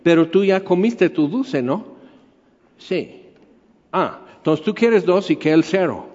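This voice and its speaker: Guy giving a sermon, kinda high voice, rambles with lots of fillers, muffled lo-fi sound. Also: animated, takes it slowly, darkish tone. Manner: conversational, rambling, with frequent filler words. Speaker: preacher. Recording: dull lo-fi recording in a reverberant hall.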